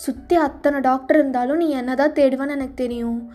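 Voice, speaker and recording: A woman voicing a gentle, loving young husband who soothes his pregnant wife in a fan audio drama, with soft music behind. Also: sits high, steady tone, fast, lightly acted. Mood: reassuring. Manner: soothing, reassuring.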